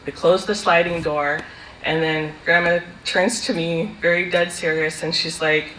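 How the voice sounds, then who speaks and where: Soft-spoken woman in an echoey hall. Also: fairly low pitch, little pitch movement, measured pace, a little hiss or hum. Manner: soft-spoken, warm and fond, with light laughter. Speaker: family member giving a eulogy. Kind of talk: funeral speech with anecdotes. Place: funeral hall. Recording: echoey hall with faint ambience.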